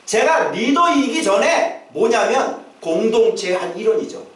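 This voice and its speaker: A man preaches to his congregation and now and then bursts into acted, shouted calls. His voice sits high and swings widely in pitch. It comes from a distance through a heavily echoing church sanctuary. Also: big pitch swings, measured pace. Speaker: pastor. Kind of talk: sermon. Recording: echoey church hall, mic at a distance.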